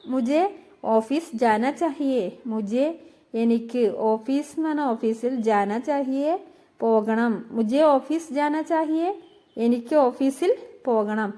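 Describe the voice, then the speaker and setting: A woman teaching phrases in a spoken-language lesson, saying each phrase slowly, repeating it and explaining it. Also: high-pitched, mellow.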